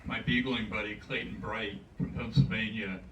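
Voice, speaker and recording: A man's voice: lowish voice, fairly even intonation, pushed and bright. Older man telling stories in an echoey hall. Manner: chuckling storyteller, halting with fillers. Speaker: club speaker. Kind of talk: anecdotal after-dinner talk. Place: hall at a club gathering. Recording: echoey hall, distant mic, background noise.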